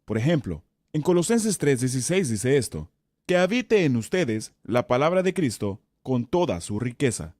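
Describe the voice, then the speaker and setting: A man's voice: medium pitch, sing-song, moderate pace, darkish tone, no room sound, studio quality. A man teaching a Bible study session as pastor, emphatic and repeating key words for stress.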